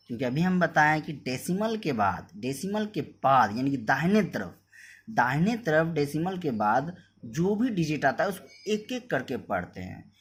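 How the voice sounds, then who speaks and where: A man teaching a maths lesson, explaining step by step, repeating points and reading numbers out slowly. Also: a little high, a little hiss or hum. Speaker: math teacher. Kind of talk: whiteboard lesson.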